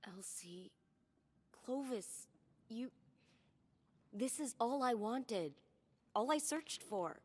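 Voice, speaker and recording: A hurt, distrustful young woman speaks with an animated, slightly high voice that turns defensive. Her lines ring with a long reverb. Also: slow pace, pauses often. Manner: emotional, defensive. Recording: game cutscene with long reverb.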